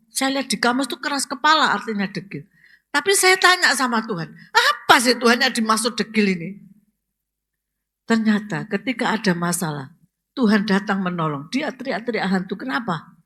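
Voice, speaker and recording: A woman pastor preaches with a bright, ringing voice pitched a little high. She asks the congregation questions and rises to emphatic exclamations. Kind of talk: sermon.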